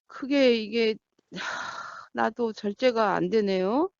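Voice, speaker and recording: A woman calling for advice, speaking in an anxious, halting way and repeating herself. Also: fairly high pitch, vocal fry, darkish tone, no echo, dull audio. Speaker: caller. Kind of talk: phone call asking for advice.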